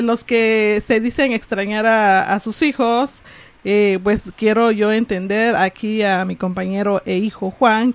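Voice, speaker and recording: A woman co-hosting a casual chat, playful and quick with asides. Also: mid-range voice, no room sound. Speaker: podcast co-host.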